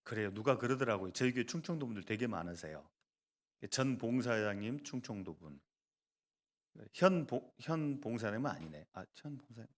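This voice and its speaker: A male pastor delivering a sermon, moving between loud emphasis and soft asides and joking with the congregation. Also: mid-range voice, animated, normal speed.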